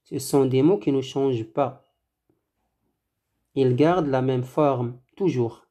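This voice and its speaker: Slow, deliberate French teacher. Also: mid-range voice, mellow. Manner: slow, deliberate, repeats words for learners. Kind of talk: slow drill-style French lesson.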